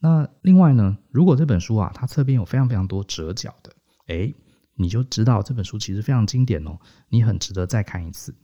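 A podcast co-host with a lowish, mellow voice talks fairly quickly and with animation, walking through his methods step by step in a relaxed way. He often ends sentences with little checks like "hao." The audio is dull, lo-fi podcast sound.

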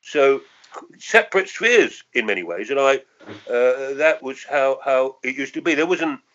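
A London man in his sixties reminisces in an oral history interview, reflective and hesitant, often circling back to qualify what he says. His medium-pitched voice is animated, unhurried and a bit bright. The recording cuts off the highs.

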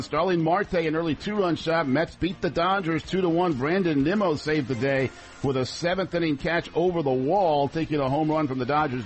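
A man working as a sports reporter, delivering a scripted radio sports update. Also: on the high side.

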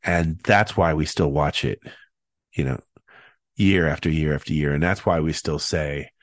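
A man's voice: a bass voice, moderate pace, dry recording, clean studio sound. A man hosting a casual podcast, sounding nasal and stuffed up with a head cold. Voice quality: nasal, congested voice. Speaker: podcast host.

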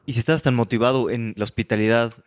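A man's voice: mid-range voice, fairly even intonation, fast talker. A male podcast host asking brief questions and giving short affirmations. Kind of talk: interview questions.

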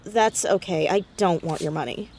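A woman plays an earnest, inquisitive fourteen-year-old girl who is an amateur detective in a naturalistic audio drama. Her voice is on the low side, a little mellow, and close to everyday speech, at a moderate pace. There is slight background noise.

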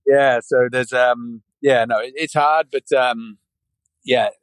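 A British man in his forties takes things slowly as a podcast guest, his medium-pitched, clean voice holding a steady tone. Chatting casually, he rambles with many restarts and often says "yeah" and "you know." There's no echo, but the audio is poor.

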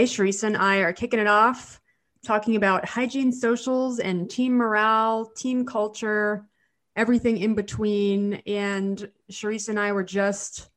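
A woman hosting a casual podcast with a nasal, congested voice from a cold, repeating words as she goes. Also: mid-range voice. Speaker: podcast host.

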